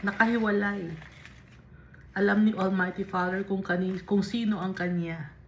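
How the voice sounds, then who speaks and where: A woman's voice: mid-range voice, steady tone, moderate pace, a little hiss or hum. A woman leading a devotional Bible study. She reads verses and explains them, voicing heartfelt sample prayers. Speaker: Bible teacher. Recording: dull lo-fi recording.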